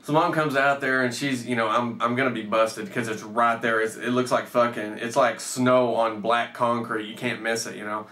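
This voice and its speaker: Telling a personal tale in a casual way, this thirties-aged host swears and acts out bits of dialogue. He speaks at normal speed with medium pitch, fairly even intonation, and hardly any pauses, his voice pushed and bright, captured off-mic in an echoey room.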